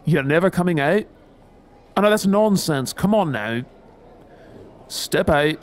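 A man's voice: a little high, lively intonation, measured pace. A man playing a reluctant young boyfriend in an audio role-play, grumbling in a wry, exasperated way.

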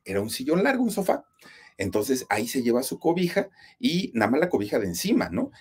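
A husky-voiced man with a Mexican accent narrates a scary true-life tale. His pitch leaps and falls expressively, and he keeps turning to address his audience to heighten the suspense. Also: sing-song, a little fast, darkish tone. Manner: talks straight to listeners, suspenseful. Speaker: horror storyteller, channel host. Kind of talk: dramatic spoken storytelling.

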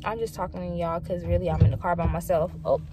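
Fast and steady in tone, with a fairly low voice, the vlogger keeps rambling from her car, a bit tipsy and cursing freely. The casual chat is captured in a noisy recording inside the vehicle.

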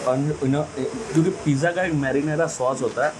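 This man in his thirties vlogs about food, talking casually and slipping English phrases into his chatter. His voice runs a bit high, steady in tone and slightly quick, picked up by a lapel mic in a small restaurant and then on a busy street, with noise in the background.

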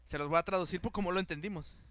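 A man's voice: high voice, racing, dry recording. A young man with a Mexican accent telling a travel story on a podcast. He talks in casual slang and acts out the people in it. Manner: animated, acts out the voices of people in his story, heavy slang. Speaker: podcast host.

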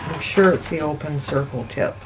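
A woman hosting a soap-making channel, giving a casual, chatty voice-over that rambles and thinks out loud as she goes. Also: sits low, moderate pace, very noisy. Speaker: soap maker and channel host. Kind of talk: casual voice-over narration of a craft video.

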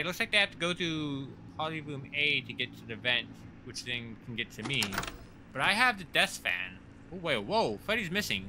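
A man giving casual commentary while he plays a horror game. He is excitable, swears when startled and talks to the characters on screen. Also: on the high side, noisy background. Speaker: let's play host.

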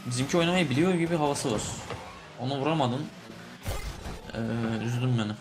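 A young man giving excited commentary on a game he is playing, shouting and cursing at it through a cheap desk microphone. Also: mid-range voice, brisk, noisy background. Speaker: gaming YouTuber. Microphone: cheap desk microphone on a laptop. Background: game music.

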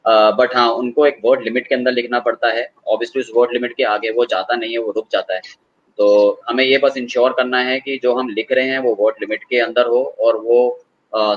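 A man answering interview questions as an expert guest, explaining at length with frequent filler pauses. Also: medium pitch, a bit bright, lo-fi sound. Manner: hesitant, many filler pauses.

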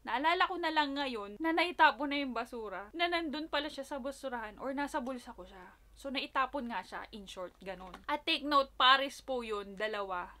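Woman vlogger, high bright voice, chatty unboxing talk into a phone camera, drops to soft asides. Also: lively intonation, moderate pace. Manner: chatty and emotional, voice softening to near-whisper asides. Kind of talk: casual unboxing chat. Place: home in Japan.

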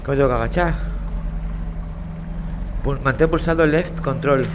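A young man with a Spanish accent from Spain, commentating a horror game as he plays, calling out loudly and then muttering low and jumpy. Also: moderate pace, background noise. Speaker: gamer playing a VR horror game. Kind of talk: let's play commentary.

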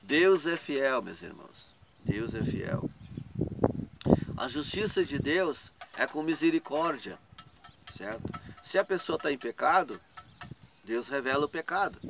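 A man's voice: mid-range voice, very animated, a little slow, gravelly, long pauses, background noise. A man giving an informal preaching testimony, rambling, laughing often and asking 'né?' to his listeners.

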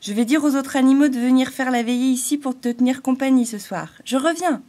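Playful male butterfly, storybook audiobook, bubbly, high and lively, woman narrator putting it on. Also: quick pace, natural voice. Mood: eager. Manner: bubbly, enthusiastic. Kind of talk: audiobook fairy-tale reading.

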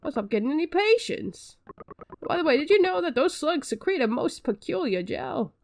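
A woman voicing a fussy male quack doctor with a weird lisp, reading his lines slowly and drawn out. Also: sits high, very animated, vocal fry, a little hiss or hum, voice pushed up, exaggerated voice.

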